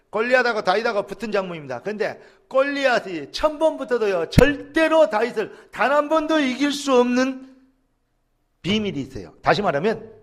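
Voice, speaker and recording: A man preaching a sermon as pastor, acting out quoted lines and rising to shouts. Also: sits high. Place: church sanctuary.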